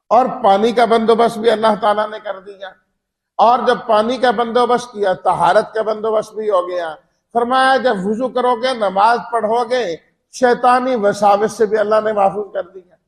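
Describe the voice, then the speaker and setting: High-voiced man giving earnest Quran commentary. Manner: earnest and explanatory, recites verses then expounds them point by point. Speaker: Quran teacher. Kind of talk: Urdu sermon-style Quran commentary.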